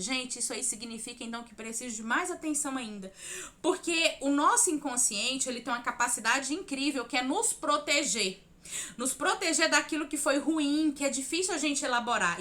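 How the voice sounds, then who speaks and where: A woman with a Brazilian Portuguese accent giving an expressive self-help talk, speaking straight to her listeners and dropping into soft, hushed asides. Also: high voice. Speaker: therapeutic speaker.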